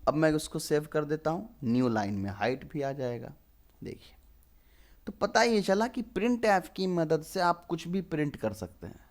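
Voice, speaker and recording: Young man teaching code, questioning aloud. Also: fairly high pitch. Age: 20s. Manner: explains step by step, asks and answers his own questions. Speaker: programming tutor. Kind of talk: screen-recorded coding lesson.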